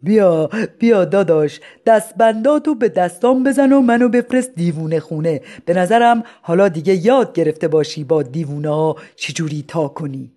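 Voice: medium pitch, animated, hardly any pauses, dark tone, close to an everyday voice. A reader voicing a brash adult male madman who taunts the crowd and draws out his "eh" interjections. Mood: smug.

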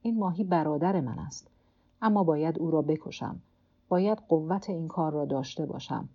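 A weary old fisherman alone at sea mutters gruffly to himself and scolds his own stiff hand, as a woman reading the book gives him voice. The tone sits low and mellow, a little louder than the narration, on a slightly dull lo-fi audiobook recording. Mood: muttering to himself. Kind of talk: audiobook character voice.

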